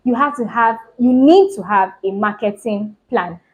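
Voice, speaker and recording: In a low-quality recording, a slightly high-pitched woman hosts her fashion business channel with a brisk, casual explainer to camera. She talks fast, repeats herself for emphasis, and keeps checking "do you understand?"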